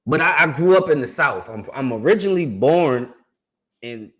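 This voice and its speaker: This reaction video host hails from South Carolina and talks loosely in slang, laughing easily through casual commentary. His voice runs on the high side and is fairly bright, with lively intonation at a moderate pace.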